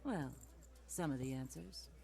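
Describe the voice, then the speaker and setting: A woman's voice: deep voice, unhurried, creaky, dark tone. An actress voicing a world-weary woman private detective in a film noir game, sultry, dry and sardonic. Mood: brooding, wry. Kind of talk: film noir detective narration and dialogue, video game voice acting. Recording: music under the voice.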